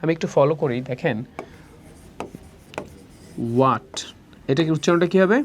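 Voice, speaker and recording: A man teaching spoken English in a recorded lesson, saying each word slowly and repeating the forms. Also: fairly high pitch, a little mellow, a little hiss or hum. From Bangladesh. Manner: drills words slowly, repeating each form twice.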